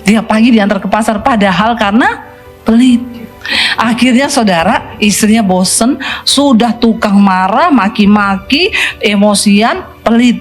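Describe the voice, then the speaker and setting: A middle-aged woman preaches a sermon in a lively, colloquial storytelling style. She acts out quoted voices and slips English phrases in among her asides. Faint music plays underneath. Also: fairly high pitch, unhurried. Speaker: pastor.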